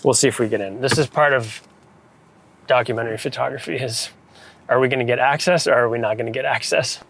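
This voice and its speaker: This New England man, a photographer and director being interviewed, talks informally in a relaxed, thoughtful manner. He speaks quickly in a gravelly, mid-range voice with a fairly bright tone, over a faint hiss or hum.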